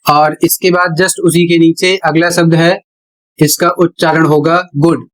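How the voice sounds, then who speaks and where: A male teacher explaining pronunciation rules at a board in a deliberate way, repeating each step. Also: a little high, level tone, rough recording. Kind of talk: slow classroom explanation at a board.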